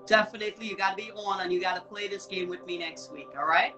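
Quick-paced and mid-range in pitch, a female host runs a laid-back live online show, effusive and encouraging, frequently saying things twice. Background music plays throughout.

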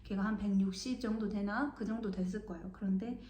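A woman's voice: medium pitch, steady tone, brisk, mellow. A young woman from Mokpo, South Korea, telling a story in a casual vlog and acting out the people she quotes. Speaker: vlogger. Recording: echoey room.

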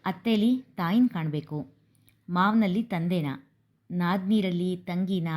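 A woman voicing a wise older woman who gives gentle advice. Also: on the low side, lightly acted. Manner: gentle, advising.

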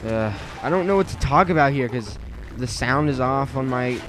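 Over a noisy background, a teenage boy gives casual let's play commentary in an animated mid-range voice at a moderate pace. He rambles and puts himself down, filling and restarting a lot, with a weak microphone held close.

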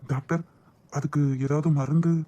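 A man's voice: on the high side, fairly even intonation, normal speed, mellow, slight background noise, natural voice. A man voicing a protective young boss in a cartoon drama, firm with his men and soothing with his wife. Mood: worried. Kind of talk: amateur cartoon voice acting.

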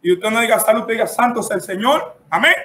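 A Dominican-accented man preaches and instructs in an emphatic style, sprinkling his talk with amens. His voice sits high and bright, with a forceful edge. The sound carries the echo of a roomy church. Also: quick pace. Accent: Dominican Spanish. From Dominican Republic. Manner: emphatic, punctuates phrases with frequent amens. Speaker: preacher teaching church etiquette. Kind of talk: instructive preaching to a live-streamed audience. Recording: echoey room.

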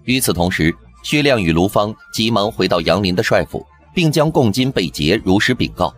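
A man narrating a period TV drama recap in a lowish voice that rises and falls vividly. His telling is brisk and scripted, with faint background music underneath. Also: very animated. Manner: brisk storytelling.

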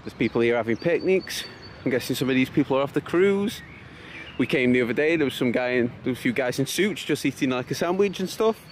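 A British travel vlogger in his thirties chats casually in a city park, his medium-pitched voice fast and expressive. The outdoor location sound is noisy.

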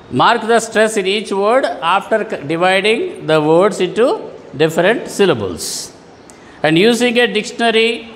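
High-voiced teacher, slow and patient. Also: male voice, fairly bright tone, in a large hall. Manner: patient, repeats and rephrases words for young pupils. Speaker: school English teacher. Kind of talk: online classroom lesson for children.

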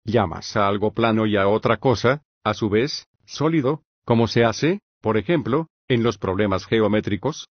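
A male reader voicing Socrates, an older patient philosopher, reading in an even, measured way with long reasoned questions. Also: lowish voice, no room sound, dull audio. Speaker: audiobook reader. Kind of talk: scripted audiobook reading of a philosophical dialogue.

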